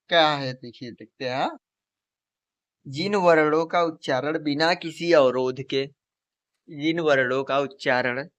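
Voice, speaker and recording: Guy teaching slow, keeps asking then answering himself, dull lo-fi sound. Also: on the high side, no echo. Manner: repeats questions and answers them himself, calls the viewer friend. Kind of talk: exam-prep lesson. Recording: dull, lo-fi recording.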